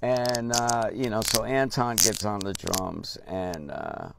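An older man telling a casual story about his drumming days, halting and unhurried, with many pauses and restarts. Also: on the low side. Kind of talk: casual spoken anecdote. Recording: noisy recording with clear background hiss.

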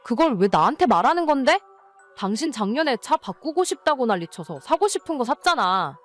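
A woman's voice: high voice, big pitch swings, fairly quick, faint music behind. A woman playing an exasperated, nagging wife in a scripted dramatized story. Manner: nagging, scolding. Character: exasperated, scolding wife of an irresponsible husband. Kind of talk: scripted story narration and dialogue.

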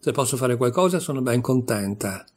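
A man's voice: mid-range voice, lively intonation, normal speed, lightly acted. A man voicing a polite, obliging young waitress who is new on the job in a storybook reading. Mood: courteous.

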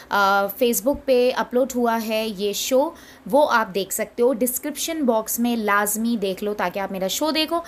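A woman's voice: medium pitch, slight background noise. A young adult woman, chatting casually in a vlog and mixing in English phrases. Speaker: vlogger.

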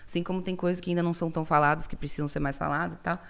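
A woman in her late twenties, a podcast guest telling a personal story in casual chat, animated, with many fillers. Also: fairly low pitch, racing, gravelly. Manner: animated, lively retelling with frequent fillers.

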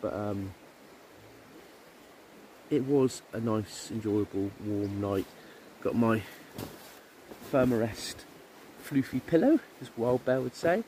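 Low-voiced guy vlogging from a woodland camp, chatty, lots of ums, faint outdoor noise behind. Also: slow, pauses often, a little mellow. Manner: chatty and easygoing, with frequent ums. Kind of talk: casual chat to camera.

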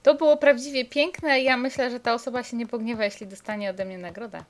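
A woman's voice: on the high side, steady tone, quick pace, a crowd in the background. A young woman hosting a casual game stream with friends, teasing and laughing often. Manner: giggly, teasing. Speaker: let's play host. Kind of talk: casual gaming chat.

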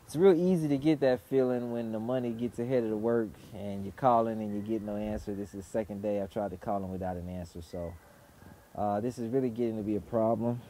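A man calmly narrating a walkthrough of an apartment building he is renovating, explaining each step in a measured, instructive way. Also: on the low side, a little hiss or hum. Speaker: property investor and renovation vlogger. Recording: echoey empty rooms, background music.

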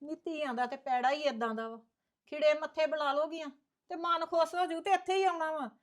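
Woman doing a high-pitched aunt, hurt and nagging, family drama scene. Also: fairly even intonation, fairly quick, natural voice. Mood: lecturing. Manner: reproachful, sharp complaining. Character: offended aunt left out of nephew's send-off. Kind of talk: family short-film acting.

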